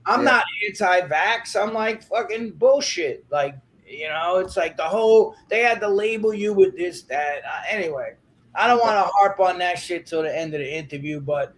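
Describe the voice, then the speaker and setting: A man's voice: sits high, lively intonation. A man speaking as an interview guest, ranting angrily and swearing heavily. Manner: angry, profane, rapid ranting. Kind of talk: heated interview talk.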